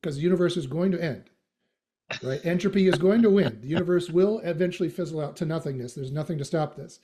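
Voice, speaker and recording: Speaking at a quick pace in a fairly high, dark-toned voice, this podcast guest is a middle-aged Western Canadian with a slight accent. The casual interview chat is full of fillers, false starts and jokes on the side.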